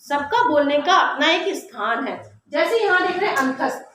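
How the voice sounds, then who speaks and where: A woman teacher giving a classroom grammar lesson, explaining step by step and slowly sounding out letters to demonstrate. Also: high-pitched, lively intonation, fairly bright tone. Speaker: Hindi teacher. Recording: very echoey classroom with faint noise.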